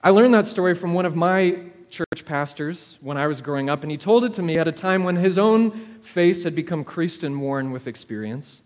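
With a high voice, a man preaches a sermon in a room full of long, ringing reverb. His style is that of a storyteller: measured, deliberate and expressive, built around dramatic pauses and repeated phrases.

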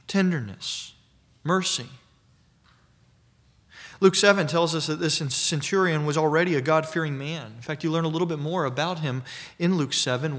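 Man, preacher, expository sermon, measured and emphatic, slightly high voice. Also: a bit bright. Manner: measured, emphatic teaching delivery.

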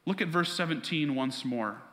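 A man's voice: a little high, lively intonation, moderate pace, fairly bright tone, big-room sound. A man preaching a sermon as pastor, earnest and conversational, weaving a personal story into his teaching.

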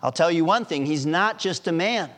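A man's voice: on the high side, lively intonation, moderate pace, a bit bright, pitched above the performer's own voice. An eager, newly convinced middle-aged man speaks with earnest insistence, as a man reads his part aloud. The voice sits well above the reader's own and pushes each claim with firm conviction.

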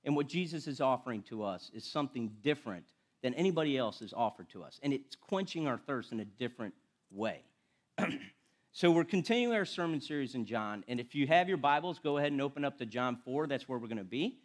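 A man's voice: mid-range voice, lively intonation, brisk. Man, middle-aged, casual sermon, chatty, self-deprecating, lay preacher. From Florida. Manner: conversational, self-deprecating, with laughs and restarts. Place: church sanctuary.

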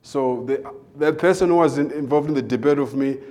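Man, guest preacher, mid-pitch voice, halting testimony delivery with frequent pauses. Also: mellow. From South Africa. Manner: hesitant, many filler pauses. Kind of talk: personal testimony before a sermon.

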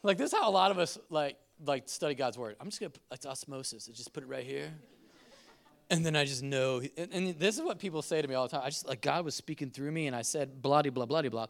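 A middle-aged man preaching a conversational sermon, telling stories with laughs and swings from loud to soft. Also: on the high side, fast talker, vocal fry. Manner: conversational, animated storytelling with laughs. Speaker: pastor.

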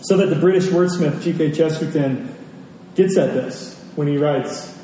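In a large reverberant room, a man speaks at a measured pace with a warm, fairly high voice, giving a conversational sermon in which he repeats key phrases. The distant mic yields a very echoey recording with faint noise.

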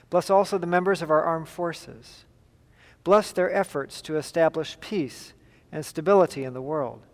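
A man leading liturgical prayer as a pastor, in a solemn, measured and formal way, with a long cathedral-like echo. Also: fairly high pitch. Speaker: pastor leading a church service. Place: large reverberant church.

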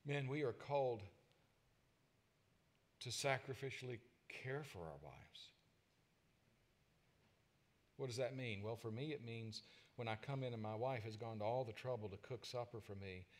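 A man's voice: on the low side, moderate pace, long pauses. Emphatic male preacher telling stories. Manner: emphatic, swings from loud stresses to quiet asides; personal storytelling to the congregation. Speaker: pastor. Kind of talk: sermon.

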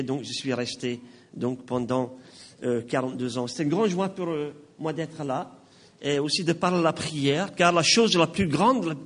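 An older man in his sixties preaches in a church, his voice pitched a little high and slightly husky. He speaks with a slight non-native accent. His delivery is folksy, with gentle jokes and lots of filler words. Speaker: pastor. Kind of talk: sermon.

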